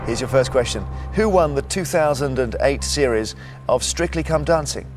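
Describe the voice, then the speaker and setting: A man hosting a television quiz show, reading questions in a measured, emphatic presenter's delivery. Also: medium pitch, animated, over music. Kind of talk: scripted game show presenting.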